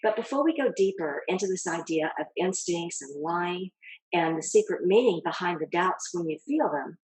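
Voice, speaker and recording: A woman giving a calm motivational talk as a self-help speaker, coaching the listener directly and asking rhetorical questions. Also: on the low side, normal speed, husky, poor audio.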